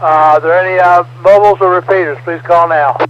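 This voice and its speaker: A man's voice: high voice, fairly even intonation, brisk, a bit bright, highs cut off. A man acting as net controller, making formal but hesitant procedural announcements over amateur radio. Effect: transmitted over ham radio. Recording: noisy, band-limited ham radio transmission.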